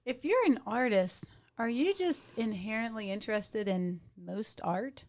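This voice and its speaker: A woman's voice: a little high, expressive, a little slow. A woman co-hosting a podcast in casual chat, blunt and playfully teasing. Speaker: podcast co-host.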